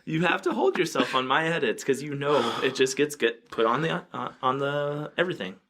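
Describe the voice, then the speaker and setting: Podcast guy hosting a gaming show, jokey and goofy, voice bounces all over, bright. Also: fairly high pitch, brisk. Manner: joking, laughs often, animated. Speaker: podcast co-host. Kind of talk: casual chat.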